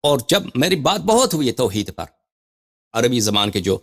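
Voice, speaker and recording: A male religious scholar giving a lecture on scripture. He reads quoted passages slowly, then explains them with emphatic, repeated phrases. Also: mid-range voice, very animated, a bit bright. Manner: repeats and restarts phrases while thinking aloud.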